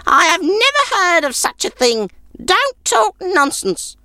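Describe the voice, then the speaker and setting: A woman's voice: extremely high pitch, sing-song, measured pace, pushed and bright, no room sound, voice pushed up, exaggerated voice. A woman voicing a grumpy old woman who speaks sourly and scornfully. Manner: snorting, scornful.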